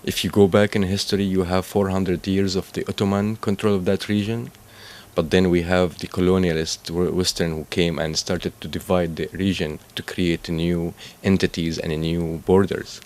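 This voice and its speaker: Low-voiced man. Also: level tone, a little mellow. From Palestine and Syria. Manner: halting, searching for words, frequent restarts. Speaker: interview guest. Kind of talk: explanatory interview answers.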